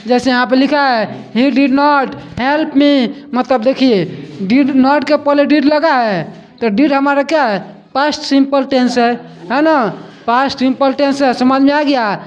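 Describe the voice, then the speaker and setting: A man's voice: extremely high pitch, steady tone. A male teacher giving a grammar lesson in a classroom, repeating each point and asking students if they understood. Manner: slow and repetitive, drilling students with questions. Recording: dull lo-fi classroom recording.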